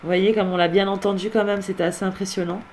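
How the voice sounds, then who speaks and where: Over loud music, a woman talks fast in a steady, medium-pitched tone. She is a medium chatting through a recording session, replaying clips from her spirit contacts. She muses as she repeats what she hears and turns to address the departed directly.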